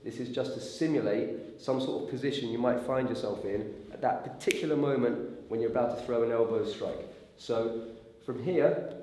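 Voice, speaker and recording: Guy martial arts coach w a raspy sore-throat voice, kinda dark tone, super echoey room. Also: medium pitch. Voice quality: raspy, strained voice. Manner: informal explaining with check-in questions. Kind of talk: hands-on demonstration lesson. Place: echoey indoor training room. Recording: very echoey room with faint noise.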